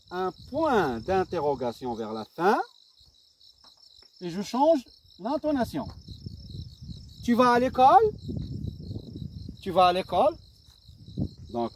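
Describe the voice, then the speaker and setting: Enseignant marocain, ton très animé. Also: male voice, on the high side, darkish tone. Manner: slow, deliberate, dictating and repeating, with fillers. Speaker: primary school teacher. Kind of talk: grammar lesson. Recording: distant mic with faint insect noise.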